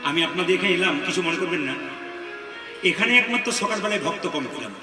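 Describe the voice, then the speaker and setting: High-voiced male kirtan singer, echoey hall. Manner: shouts calls to the crowd, switches between speech and song. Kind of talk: devotional sung storytelling. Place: live stage performance. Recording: echoey hall from far off, with music.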